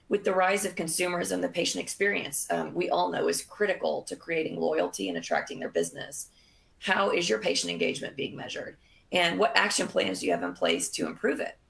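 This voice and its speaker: A woman presenting a business webinar, losing her voice, in a measured delivery with frequent fillers. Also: on the low side, gravelly, fairly bright tone.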